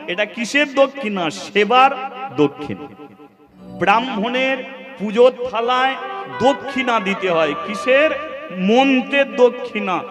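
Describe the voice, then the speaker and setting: High-voiced man preaching. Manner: rhetorical questions to the audience, repeated lists. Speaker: kirtan preacher. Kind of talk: devotional storytelling sermon. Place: live devotional gathering before a seated audience. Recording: reverberant live recording with instruments.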